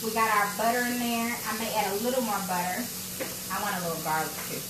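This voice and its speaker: In a fast, mid-range voice, a playful woman hosts a casual cooking livestream from her home kitchen, calling her viewers y'all. A phone on a small tripod sits close to arm's length, and heavy background noise from sizzling frying grease surrounds her speech.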